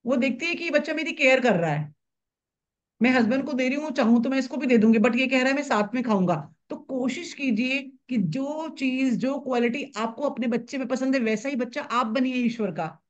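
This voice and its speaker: A woman teaching a live online class on manifestation, talking briskly and conversationally, repeating her points over an online call. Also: sits high, muffled recording. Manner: brisk, repetitive, conversational explaining.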